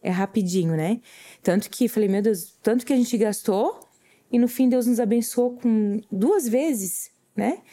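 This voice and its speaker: Speaking at a measured pace, a woman with a slightly high but dark-toned voice gives her faith testimony as a guest on a podcast. She's earnest, tearful here and there, and reenacts her own quoted words.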